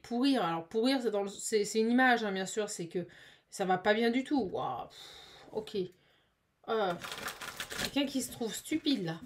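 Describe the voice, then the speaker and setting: A woman giving a casual, chatty tarot card reading, animated and full of fillers. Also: on the high side, noisy background.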